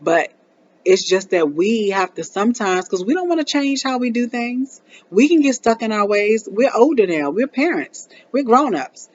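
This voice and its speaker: Animated high-voiced woman in her forties. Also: moderate pace, muffled recording, a little hiss or hum. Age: 40s. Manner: animated storytelling, acts out her daughter and herself. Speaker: parenting vlogger. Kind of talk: casual talk to camera.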